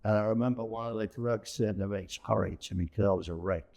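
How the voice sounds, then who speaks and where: A veteran amateur panto performer, middle-aged or older, is interviewed in a casual chat, sharing colloquial anecdotes packed with tag phrases. His voice is lowish and a little mellow, with vocal fry, and he talks quickly.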